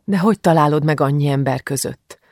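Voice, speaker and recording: A man's voice: on the high side, darkish tone, dry recording, clean studio sound, lightly acted. A man voicing an anxious, tearful mother who pleads and worries, in a storybook reading. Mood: worried.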